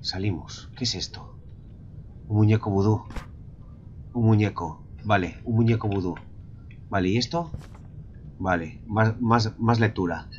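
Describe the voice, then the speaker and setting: Jumpy Spanish gamer, whispering and yelping. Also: male voice, lowish voice, measured pace, long pauses, highs cut off, a little hiss or hum. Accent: Spain Spanish. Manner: jumpy and profane, drops to whispers and bursts into yelps; keeps addressing viewers as lads. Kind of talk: horror game let's play commentary.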